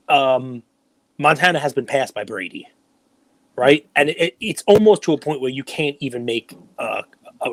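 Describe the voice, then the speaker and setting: A man, hosting a casual podcast and telling animated, self-deprecating stories. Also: mid-range voice, vocal fry, no echo. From United States. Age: 40s. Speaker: podcast host. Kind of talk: casual chat.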